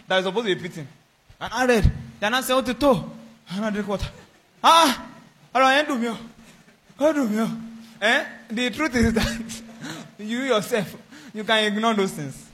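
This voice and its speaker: High bright-voiced preacher man. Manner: animated preaching, acting out exchanges in raised voices. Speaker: pastor. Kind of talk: sermon.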